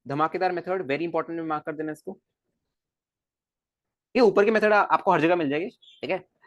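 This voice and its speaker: Animated male physics teacher, dry room. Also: high voice, no echo. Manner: animated, coaxing, repeats questions to students. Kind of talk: recorded classroom lecture.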